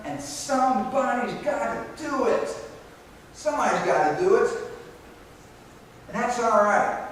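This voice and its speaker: A man's voice: high-pitched, a little hiss or hum. A man preaching a sermon as pastor in a church, talking in a conversational way with fillers and restarts. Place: church sanctuary. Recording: echoey church hall from far off.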